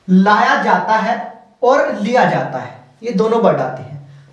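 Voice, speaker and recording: A man teaching shorthand, explaining step by step and slowly drawing out example words. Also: high voice. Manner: slow, repetitive, drawn-out word demonstrations. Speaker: stenography teacher. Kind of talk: explaining steno outlines. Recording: echoey room, far from mic.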